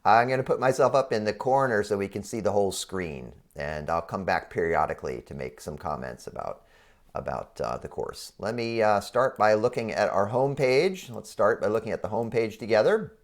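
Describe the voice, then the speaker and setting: Low, froggy-voiced male professor. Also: animated, moderate pace. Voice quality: froggy, congested throat. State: under the weather with a frog in the throat. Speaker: college professor. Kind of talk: explanatory screen-share walkthrough for online students.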